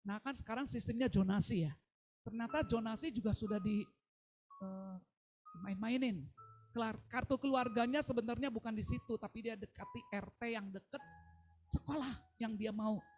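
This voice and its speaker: A woman's voice: a little high, moderate pace, darkish tone, soft background music. A woman pastor preaching a sermon over a live video call, telling a story and quoting people in changing voices.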